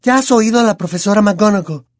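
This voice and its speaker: A man's voice: high-pitched, fast talker, no room sound, studio quality, voice pushed up, close to an everyday voice. Hermione, a man doing a prim know-it-all girl. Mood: superior, calm. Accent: Latin American Spanish. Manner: prim, precise and self-assured.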